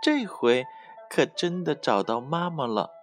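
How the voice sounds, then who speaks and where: A man voicing a group of eager young tadpoles, calling in high childlike tones over faint music. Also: wildly swooping pitch, takes it slowly, exaggerated voice. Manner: high, pleading childlike calls.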